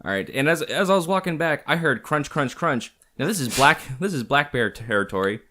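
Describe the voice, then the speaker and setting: A young man, a podcast guest, telling a camping story in casual chat. He is animated, swears often and laughs as he talks. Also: fairly high pitch, a little fast, a little hiss or hum.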